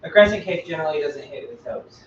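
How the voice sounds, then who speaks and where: A man's voice: fairly high pitch, fast talker, lo-fi sound, slight background noise. Male martial arts instructor, laughs easily, rambling explainer, distant echoey room. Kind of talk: casual explaining during class. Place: indoor training gym.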